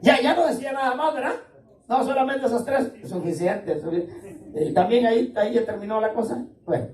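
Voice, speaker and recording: A man's voice: very high-pitched, a little fast, darkish tone, echoey room, recorded from a distance, poor audio. A man preaching a sermon to his congregation in a casual, talkative way, calling listeners "brother". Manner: colloquial preaching, addresses listeners as "hermano". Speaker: pastor. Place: church.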